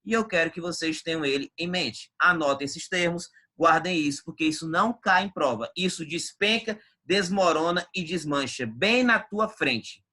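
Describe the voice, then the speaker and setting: A man's voice: a little high, moderate pace, few pauses, pushed and bright. A male Portuguese teacher, giving an emphatic, chatty exam-prep video lesson.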